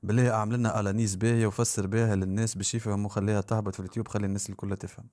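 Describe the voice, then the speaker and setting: Excitable man reacting live. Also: fairly low pitch, very fast, crowd noise. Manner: excitable, repetitive, mock-exasperated exclamations. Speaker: streamer reacting to a rap song. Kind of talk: live-stream reaction commentary.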